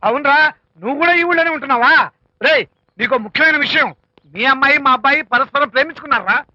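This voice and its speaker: A man's voice: extremely high pitch, quick pace, pushed and bright, dry recording, heavily acted. An actor playing a brash middle-aged father who blusters and threatens. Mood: hearty. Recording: dry, dull old film audio.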